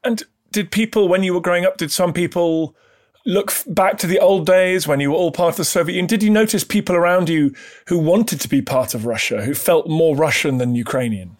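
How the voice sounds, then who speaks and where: A man's voice: high voice, brisk. A man with a slightly raised voice conducts an interview. He asks questions politely and encourages his guest, thanking her as he goes.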